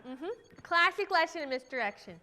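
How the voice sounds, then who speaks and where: A woman's voice: very high voice, expressive, a little fast, crowd noise. A woman voicing a chatty, eager young puppet girl in a children's church show. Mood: upbeat. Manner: chatty, upbeat.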